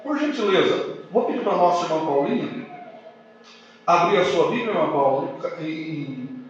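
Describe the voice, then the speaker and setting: A pastor preaching a sermon, asking the congregation questions. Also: male voice, on the high side, expressive, normal speed, distant mic, a little hiss or hum. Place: church hall. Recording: echoey church heard from afar, dull sound.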